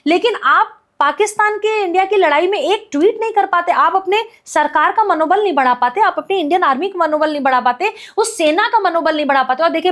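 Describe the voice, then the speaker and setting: A woman activist talking as a guest on a podcast, her voice pitched very high. She argues with heated conviction, piling up repeated phrases and rhetorical questions. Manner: forceful, repetitive rhetorical ranting. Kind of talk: impassioned podcast commentary.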